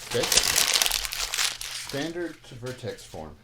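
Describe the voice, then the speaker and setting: A man's voice: mid-range voice, big pitch swings, slow. A middle-aged man, a math teacher, talking casually and playfully through a live-streamed lesson in a classroom, with lots of fillers and asides. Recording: roomy live stream with faint noise.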